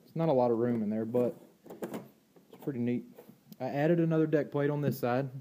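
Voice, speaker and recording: Speaking at a moderate pace in a mellow, medium-pitched voice, a man gives a casual tour of his kayak gear inside a garage or storage room. He rambles plainly, using fillers and starting over, and the handheld phone recording picks up slight background noise.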